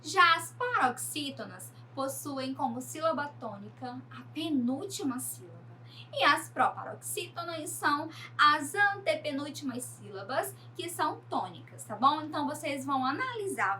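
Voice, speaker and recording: Casting: woman primary teacher, high, crisp voice, slightly distant mic, faint noise. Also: bright, forceful tone. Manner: slow, emphatic, addressing pupils directly. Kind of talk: online class lesson.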